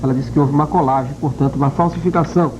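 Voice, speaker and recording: A male TV news host, interviewing a guest with brisk, probing questions, heard from an old VHS tape. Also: on the high side, steady tone, background noise. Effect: old VHS tape recording.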